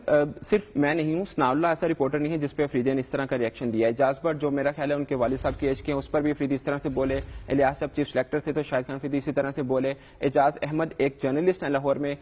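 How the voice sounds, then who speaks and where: A man's voice: fairly high pitch, a little mellow, long reverb tail. A young adult man, a sports reporter, answering questions in a live news interview in an earnest, defensive way with frequent hesitations.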